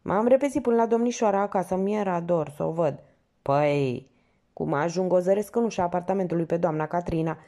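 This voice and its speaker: A woman's voice: on the low side, mellow, natural voice. A woman voicing an agitated, insistent young male painter in an audiobook story. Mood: urgent. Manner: urgent, insistent.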